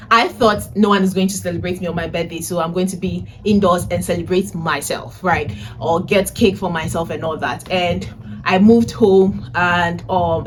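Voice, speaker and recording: A data analytics teacher who vlogs, in her twenties, talks casually to the camera from a room in a family house, recapping what's new in her life. Her voice is fairly low, there's slight background noise, and she speaks directly to viewers, frequently tacking on "right?".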